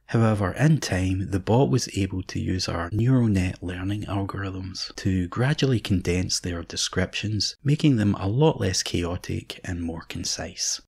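A man narrating a scripted mock documentary in a measured, deadpan way. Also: deep voice, vocal fry, breathy edge.

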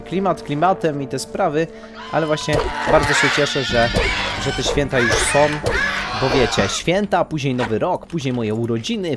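A chatty young man commentates on a game in casual slang. His voice sits at a middle pitch, picked up by a headset, with faint game music underneath. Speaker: gaming streamer. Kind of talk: casual let's play commentary.

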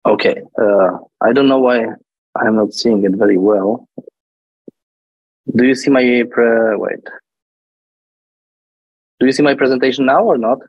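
A man's voice: mid-range voice, steady tone, unhurried, long pauses, no echo, dull audio. A man giving a conference presentation as a guest speaker over a video call, friendly, with some hesitant restarts. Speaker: guest speaker, venture fund partner.

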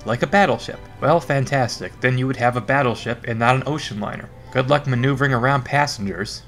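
A man's voice: medium pitch, fairly bright tone. A man narrating a scripted history lesson in an informal, wry and sarcastic way. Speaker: history educator.

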